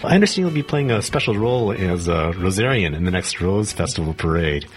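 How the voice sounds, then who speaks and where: A man hosting a radio show, introducing guests in a measured, announcing way. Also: low voice, lively intonation. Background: music.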